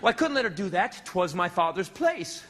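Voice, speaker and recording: Brash, high-voiced stand-up comedian. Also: male voice, normal speed. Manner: brash, animated storytelling. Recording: noisy live stage recording.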